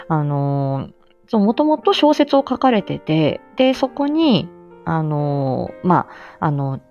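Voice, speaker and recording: A woman with a lowish, darkish voice chats on a livestream, and the audio is dull. She is an amateur voice drama actor and stream host, and she comes across as reflective, casual, self-effacing and hesitant, frequently letting phrases trail away.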